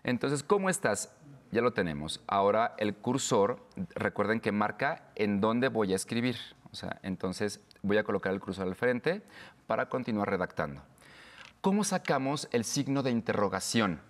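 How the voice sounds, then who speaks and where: A man's voice: on the low side, lively intonation, long reverb tail. Patient man explaining step by step. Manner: patient, explains slowly with pauses. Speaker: instructor. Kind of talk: step-by-step tech tutorial.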